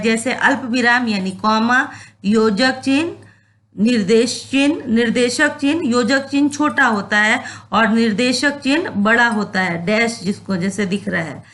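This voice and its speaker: A woman's voice: on the high side, a bit bright. A woman teacher giving a patient classroom lesson, repeating points, checking that students follow and mixing in English words. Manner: mixes English words into Hindi. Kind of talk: classroom lesson on Hindi grammar.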